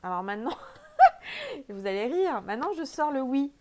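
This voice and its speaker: A woman's voice: on the high side, expressive, fast, noisy background. Chatty French woman reading oracle cards. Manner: chatty and emphatic, many fillers. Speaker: oracle card reader. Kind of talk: casual spiritual card reading.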